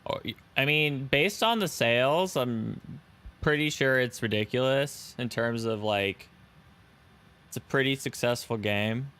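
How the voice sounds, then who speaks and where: Here a young streamer flies a simulator live, making easy conversation with viewers and thanking those who subscribe. The voice sits mid-range, a little slow, a bit bright, clear and resonant.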